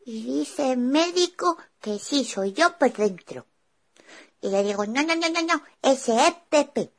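A cheerful little boy, voiced by a woman, tells his story in a high, bright-sounding voice. He rushes through it eagerly and trips over his restarts. It is children's show storytelling. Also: lively intonation, exaggerated voice. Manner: eager, breathless retelling with stammered restarts. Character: young boy, cheerful and chatty. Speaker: child character telling a story.

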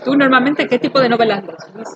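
A woman co-host with a higher voice asks questions in a lively, engaged way and reads a book blurb aloud with care. The sound is somewhat dull and lo-fi. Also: fast, a crowd in the background. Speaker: interviewer host. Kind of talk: interview and reading a blurb.

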